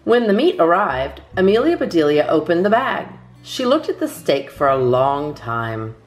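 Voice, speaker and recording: A woman narrating a children's storybook as a storytime host, in an expressive read-aloud style, over music. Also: deep voice, normal speed. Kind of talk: animated children's storybook reading. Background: soft plucked guitar music.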